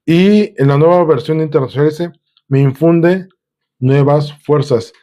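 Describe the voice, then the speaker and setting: Man preaching a teaching sermon, dark voice. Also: on the high side, unhurried. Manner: teaching, asks questions to the congregation.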